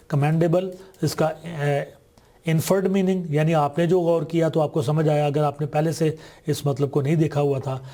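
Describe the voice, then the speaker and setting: A man with a Pakistani accent teaching a textbook exercise, reading English sentences slowly and deliberately. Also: on the high side, warm tone.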